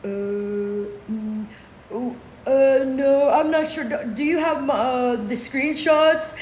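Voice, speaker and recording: A woman mimicking a hesitant man answering a judge, halting and full of fillers. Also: very high voice, a little mellow, echoey room, a little hiss or hum, low-quality recording. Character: mumbling hesitant man in court.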